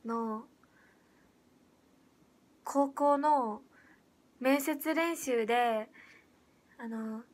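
A teenage girl auditioning for an idol group, chatting casually on a livestream and reading out viewer comments in a soft, hesitant way full of fillers. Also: on the high side, very slow, pauses often. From Japan.

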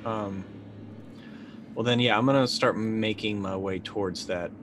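Thinking aloud as he decides his character's actions, a middle-aged man plays a role-playing game in a casual, improvised way. He speaks a little slowly in a lowish voice with fairly even intonation. Background noise and faint music can be heard.

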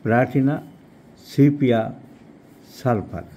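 Male homeopathy teacher, measured and repetitive delivery. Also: mid-range voice, warm tone, a little hiss or hum. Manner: slow, emphatic, repeats key phrases. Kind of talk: explaining a repertory rubric.

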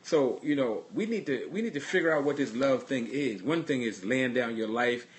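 Earnest, halting man preaching. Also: medium pitch, lively intonation, a little hiss or hum. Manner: halting, restarts and repeats words; earnest storytelling. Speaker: pastor. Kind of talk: livestreamed sermon with personal stories.

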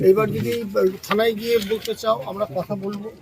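A man's voice: sits high, flat delivery, normal speed, a loud crowd. A man in a heated street argument, answering defensively and often restarting his sentences.

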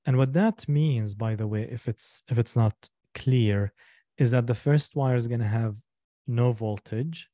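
A man teaches a class step by step in a very dark, mellow voice. He is patient, often goes back over a point, and stops to ask whether everyone is following. The sound is close and dry. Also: medium pitch, no echo. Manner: patient, repeats and slows down to explain step by step; asks the class for checks and questions. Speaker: instructor. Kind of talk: live online lecture.

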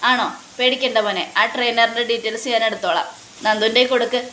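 A woman retelling a serial plays a protective old grandfather calming his grandchild. The voice stays fairly high and plain, in an echoey room with faint noise. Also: fast talker. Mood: reassuring. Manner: plain retelling voice, barely changed. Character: reassuring protective grandfather, older man.

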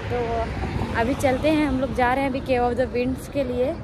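A young woman with a high voice talks straight into a phone held at arm's length, walking outdoors. She chats to her viewers, explaining plans and tips. Clear traffic and street noise run under her voice. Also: steady tone, normal speed. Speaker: travel vlogger. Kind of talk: casual travel vlog narration. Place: outdoors in a park and on city streets.

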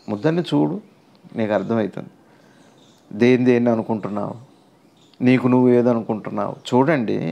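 Gravelly-voiced man teaching spirituality. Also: mid-range voice, mellow, dull audio. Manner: explanatory, asks rhetorical questions, builds long lists. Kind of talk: conversational spiritual discourse.

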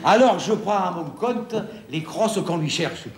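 A man's voice: high voice, expressive, measured pace, echoey room, noisy background. A man playing a young son torn over a duel. He moves from hesitant to mock-heroic boasting. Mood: defiant. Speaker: sitcom actor playing Rodrigue in a parody.

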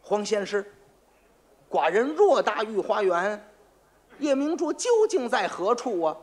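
Commanding, formal emperor, acted by a man, lively and high. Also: measured pace, full character voice. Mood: stately. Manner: formal and stately. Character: pleased, commanding old-style male emperor.

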